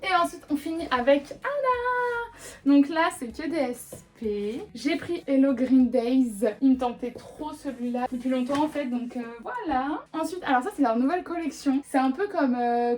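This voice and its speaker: A young woman talks casually to her viewers in a haul vlog. Her voice sits a little high, and she gushes with enthusiasm. She trips over words and corrects herself with easy fillers. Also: mellow. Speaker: vlogger showing a manga haul.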